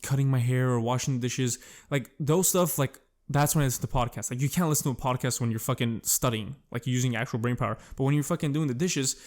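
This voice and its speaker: A young man hosts a solo podcast, rambling casually and self-consciously and swearing often. He talks fast in a medium-pitched, darkish voice.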